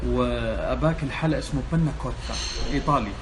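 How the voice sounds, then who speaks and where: A social media vlogger in his car and at a petrol station chats playfully to the phone he holds in his hand, exclaiming as he goes. His voice is mid-range and quick. Loud traffic noise fills the phone recording.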